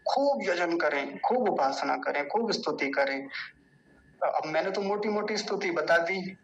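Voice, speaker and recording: A man teaching the meaning and pronunciation of a Vedic mantra, explaining patiently and drawing out syllables slowly to demonstrate. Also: fairly high pitch, a bit bright, lo-fi sound, a little hiss or hum. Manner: slow deliberate syllable-by-syllable pronunciation drills; patient explanatory tone with rhetorical questions. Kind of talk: spoken lesson on scripture.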